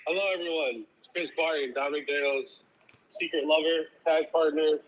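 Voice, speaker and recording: A man's voice: a little high, steady tone, moderate pace, a bit bright. Joking man on speakerphone. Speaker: guest caller. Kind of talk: casual chat. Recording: dull lo-fi phone speaker.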